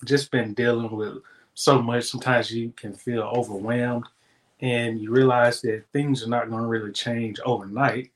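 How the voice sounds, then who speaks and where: Male devotional host, casual and encouraging, mid-pitched voice. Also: level tone, normal speed. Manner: upbeat, encouraging, loose and conversational.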